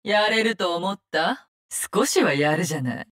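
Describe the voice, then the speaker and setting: Viper, a cold menacing assassin. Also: female voice, on the low side, lively intonation, normal speed, fairly bright tone. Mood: contemptuous. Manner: contemptuous, curt, commanding. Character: menacing, cold, vengeful woman poison-gas assassin. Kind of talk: video game character barks in Japanese.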